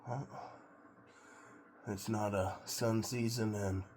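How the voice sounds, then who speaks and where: Middle aged american guy rambling on a vlog, real slow n laid-back, lowish voice, some watery background noise. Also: fairly even intonation, darkish tone. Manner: laid-back, musing, halting. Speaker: vlogger doing a cold plunge challenge. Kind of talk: casual rambling vlog monologue.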